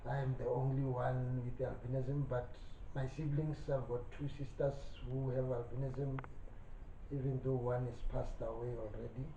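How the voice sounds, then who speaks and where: A man being interviewed at home, speaking slowly and hesitantly with many fillers, heard as old camcorder audio. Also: medium pitch, little pitch movement, mellow. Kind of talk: casual interview talk. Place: indoors at his own home. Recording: lo-fi, distant, roomy camcorder sound with faint hiss.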